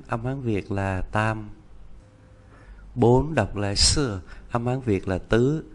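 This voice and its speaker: A man teaching a self-study language lesson, counting slowly and repeating each word with deliberate care. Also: fairly low pitch, a little mellow. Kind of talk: slow instructional lesson.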